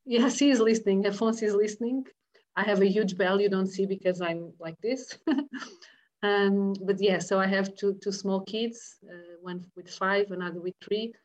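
A woman's voice: mid-range voice, fairly even intonation, moderate pace, darkish tone, poor audio. A woman in her thirties with a Portuguese accent, answering casually from her home office and often repeating words. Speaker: interview guest, association president. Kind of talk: casual conversational interview answers.

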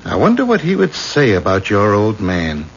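An actor playing a rational, patient old-time town doctor who reasons and explains. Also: male voice, on the low side, huge pitch swings, normal speed. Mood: intrigued. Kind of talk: period drama acting. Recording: dull, hissy old recording.

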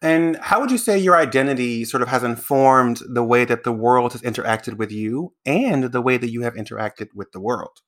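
Male podcast host, earnest and explanatory, mid-pitched voice. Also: lively intonation, normal speed, hardly any pauses, fairly bright tone. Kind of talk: conversational interview.

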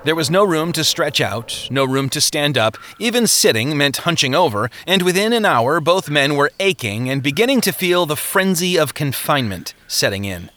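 A man narrating a novel in a steady storytelling manner, lightly voicing the characters' lines. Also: on the high side, moderate pace, few pauses. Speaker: audiobook narrator.

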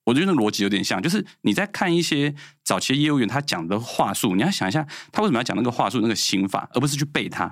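A man's voice: medium pitch, very fast, hardly any pauses, dry recording, clean studio sound. A man in his thirties with a Taiwanese Mandarin accent, a guest telling sales stories in casual chat and acting out what others said. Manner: animated, acts out quoted dialogue.

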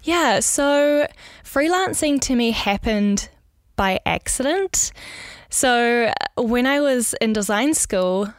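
A woman's voice: a little high, lively intonation, slow pace, dry recording, clean studio sound. A young woman with a New Zealand accent, a designer answering interview questions in a candid, chatty way. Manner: chatty, candid, frequent "like" fillers, light laughs. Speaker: designer and freelancer, guest.

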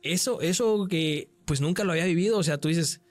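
Speaking a little high and a little fast, a man with a Mexican accent animatedly shares a personal paranormal encounter as a guest, peppering the casual talk with slang and curses. Soft music plays in the background, and there's no room sound.

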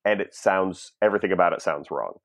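A man co-hosting a podcast in casual chat, relaxed and explaining his opinions at length. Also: low voice, brisk, gravelly. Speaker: podcast co-host. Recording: dull lo-fi sound.

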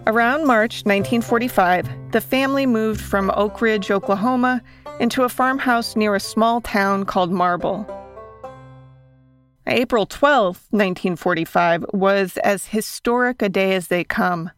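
A woman with a medium-pitched voice narrates a scripted true story as a host. Her storytelling is measured, with faint music playing underneath.

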